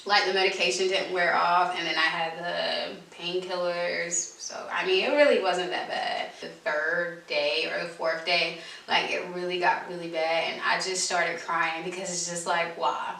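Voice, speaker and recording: A woman's voice: on the low side, steady tone, a little slow, vocal fry, sharp tone. A woman vlogger telling a story casually to camera, informal and emphatic, repeating herself for emphasis, in a roomy, distant recording. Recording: roomy echo, distant microphone.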